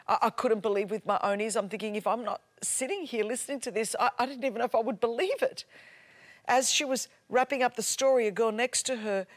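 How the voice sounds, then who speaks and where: Preaching a sermon, a woman whose native language is Greek tells a story with growing fervor, building up to loud, emphatic repetition. She speaks briskly in a fairly high voice.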